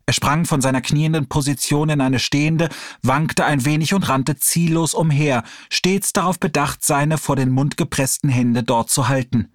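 A man reading an audiobook chapter aloud in a steady storytelling delivery. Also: a little high, moderate pace, no room sound, clean studio sound. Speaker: audiobook reader. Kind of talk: audiobook narration.

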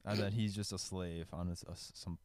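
A man's voice: low voice, fairly even intonation, quick pace, a little mellow. A young man co-hosting a podcast in casual chat, laid-back and rambling, full of "dude" and "like". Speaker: podcast co-host.

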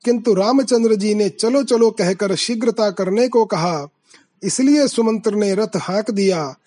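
A man reciting scripture verses in a chanting manner, then reading out their translation in a measured way. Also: high-pitched, dark tone. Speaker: scripture reader.

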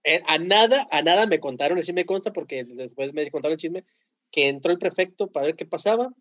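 A Mexican man, a teacher, telling animated anecdotes in slangy casual talk with a Mexican accent and frequent laughter. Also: fairly high pitch, brisk. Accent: Mexican Spanish. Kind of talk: casual podcast storytelling. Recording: dull lo-fi sound.

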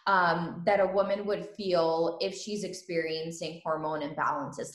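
Woman, born in Ukraine, interview host, lower voice, laughs a lot, echoey room. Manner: enthusiastic, laughs often. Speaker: podcast host. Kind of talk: casual interview chat.

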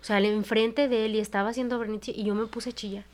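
A Mexican-accented woman chats on a podcast as its psychologist. She talks frankly and with feeling, drops swear words easily, and sits a little high in pitch. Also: fast. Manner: frank and expressive, swears freely. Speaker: psychologist co-host. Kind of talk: casual podcast chat.

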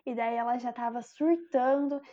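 Chatty Brazilian woman, high voice. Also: moderate pace. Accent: Brazilian Portuguese. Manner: chatty, addresses listeners directly. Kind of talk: casual storytelling. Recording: slightly dull lo-fi sound.

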